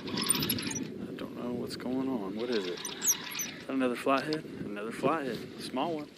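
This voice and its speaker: A young man hosts a fishing vlog from an outdoor riverbank as day turns to night, speaking at a moderate pace in a medium-pitched voice. He talks casually to the camera, relaxed and thinking aloud as he reels in fish. His body-mounted action camera picks up heavy background noise.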